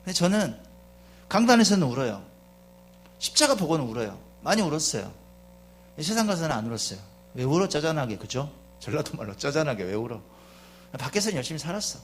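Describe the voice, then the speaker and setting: A middle-aged man pastor preaching a Sunday sermon. He is chatty, asks the congregation questions, and swings between quiet confiding asides and loud fervent calls. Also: fairly high pitch, sing-song, fairly quick, faint music behind. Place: church sanctuary.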